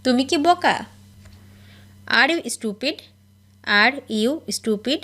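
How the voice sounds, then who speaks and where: A woman teaching spoken English, reading each phrase and then repeating the English slowly and clearly. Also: high-pitched, lively intonation, sharp tone. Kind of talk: slow phrase-by-phrase language drill.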